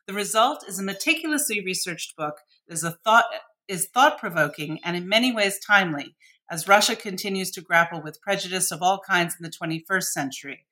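A woman's voice: fairly low pitch, brisk, pushed and bright. A woman hosting a podcast interview, reading formal introductions and asking long questions. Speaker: podcast host.

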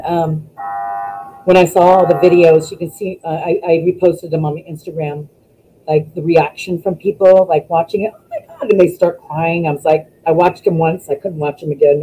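A woman, a former wrestler, chatting as a guest over a video call, telling stories in an animated way and acting out what people said. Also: deep voice, normal speed, a little hiss or hum, low-quality recording. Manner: animated storytelling, acts out quotes. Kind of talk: casual interview chat.

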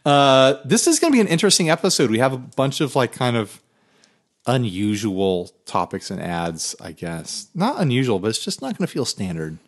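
Man, podcast co-host, casual chat, mid pitch, very lively intonation, recorded in a garage. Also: normal speed. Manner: laughs often while talking.

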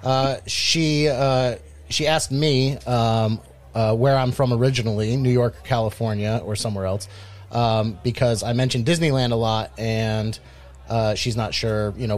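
A man's voice: medium pitch, steady tone, normal speed. A man from Rhode Island co-hosting a podcast, chatting casually and rambling with many fillers and restarts. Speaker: podcast co-host. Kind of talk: casual chat.

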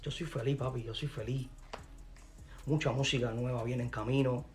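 A man's voice: mid-range voice, steady tone, normal speed, soft background music. Combative Cuban man ranting. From Cuba. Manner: combative, mocking, crude street slang. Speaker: musician. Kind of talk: direct-to-camera rant.

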